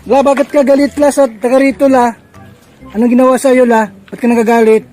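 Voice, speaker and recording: A man's voice: extremely high pitch, flat delivery, fairly quick, mellow, faint music behind, low-quality recording. A man filming a casual vlog, pleading and coaxing an upset elder with repeated questions. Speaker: relative filming and calming grandmother. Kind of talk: casual handheld vlog chat.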